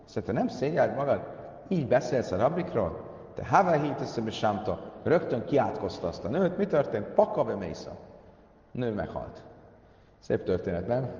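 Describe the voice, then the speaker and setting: A man's voice: medium pitch, darkish tone. A man giving a Talmud lesson. He reads out Aramaic lines and then explains them, with many filler sounds. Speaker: Talmud teacher. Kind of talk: Talmud lesson retelling stories. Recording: echoey hall, far from mic, dull sound.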